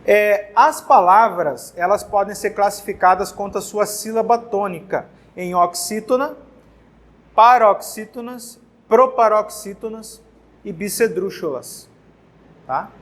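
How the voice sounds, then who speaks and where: Man, Brazilian Portuguese accent, high voice, exam-prep grammar teacher, casual, repeats himself. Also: unhurried, fairly bright tone. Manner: casual, repeats words and checks in with "tá?". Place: classroom with whiteboard.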